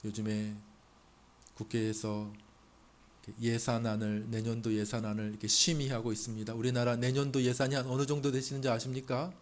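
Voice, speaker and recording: A male pastor delivering a sermon in a conversational style. He asks the congregation rhetorical questions and builds to loud, emphatic peaks. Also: medium pitch, little pitch movement, fairly quick.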